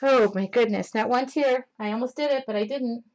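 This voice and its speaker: Woman, slightly high voice, art teacher, live-stream painting demo, rambling, excitable, loud. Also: brisk, dull audio. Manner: excitable, rambling, talks loudly. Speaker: mixed media art instructor.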